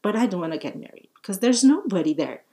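A woman's voice: mid-range voice, sing-song, fast talker, mellow. A woman from Brazil, speaking as a podcast guest in friendly, simple phrasing with frequent laughs. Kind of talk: casual interview talk.

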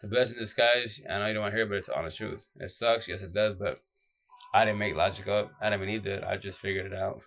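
A man with a deep, groggy, exhausted voice giving casual, blunt relationship advice off the cuff in slangy, repetitive phrases. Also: steady tone, quick pace, fairly bright tone. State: exhausted, short of sleep. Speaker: social media advice streamer.

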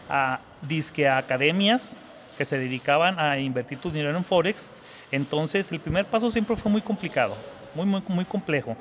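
A man's voice: fairly high pitch, slight background noise. A Mexican man in his thirties, answering interview questions earnestly, often repeating words for emphasis. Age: 30s. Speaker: guest entrepreneur.

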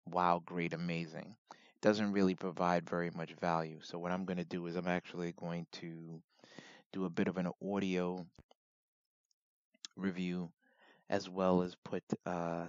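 A man with a raspy, gravelly voice giving informal solo commentary as a host, in a measured, reflective way with deliberate pauses. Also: low-pitched, dry recording.

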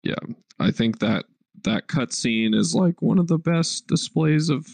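A man's voice: a little high, animated, a little slow, gravelly, a little mellow, dry recording. A young man co-hosting a podcast in casual chat, laid-back, swearing often and filling his talk with "like.". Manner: laid-back, swears a lot, heavy filler words. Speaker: podcast co-host.

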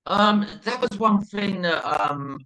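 A man's voice: sits high, expressive, takes it slowly, pushed and bright, low-quality recording. A middle-aged man with an Essex accent, chatting casually as an interview guest, rambling and repeating his phrases as he goes. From Essex, England.

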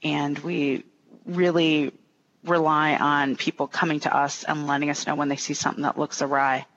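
A woman's voice: low voice, flat delivery, moderate pace, a bit bright. Dull lo-fi recording of a woman explaining informally. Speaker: state natural resources official. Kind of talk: conversational interview answers. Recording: dull lo-fi audio, faint noise.

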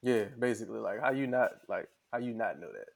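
A man's voice: on the low side, lively intonation, brisk, gravelly. Laid-back slangy man chatting. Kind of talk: casual podcast chat.

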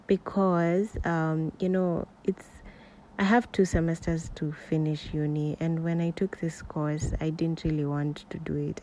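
A woman in her twenties with a Kenyan accent hosts a casual solo podcast. Her voice is soft-toned and mellow, sitting a little low. She talks in a candid, rambling, conversational way, recorded at home by a road with faint noise behind her. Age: 20s. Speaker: podcast host. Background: faint street noise, passing cars.

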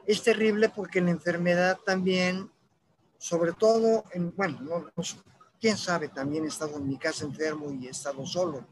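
A man with a Mexican accent speaking in a halting, reflective personal monologue, often ending his points with a questioning tag. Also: sits high, steady tone, slight background noise, rough recording. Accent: Mexican Spanish.

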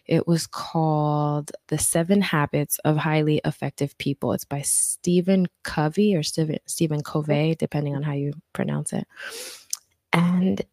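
Casting: woman guest, earnest life coach, low pitch, dry close mic. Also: flat delivery, normal speed, darkish tone, no echo. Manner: earnest, faith-centered storytelling. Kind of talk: conversational interview.

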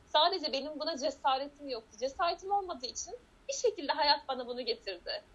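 A woman's voice: high voice, expressive, fast talker, a bit bright. A woman in a casual conversation, talking in an earnest, reflective way as a guest. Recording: dull lo-fi sound.

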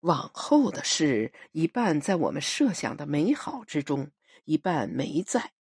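A woman narrating a novel as an audiobook, in a measured, expressive storytelling manner. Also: deep voice, slightly rough, dry recording, clean studio sound.

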